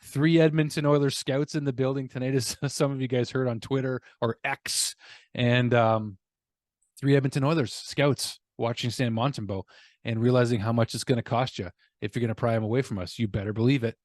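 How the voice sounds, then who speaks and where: A man's voice: mid-range voice, fairly even intonation, normal speed, no room sound, clean studio sound. A man giving a casual hockey game recap as a fan vlogger, rambling and joking at his own expense. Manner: rambling, joking, self-mocking.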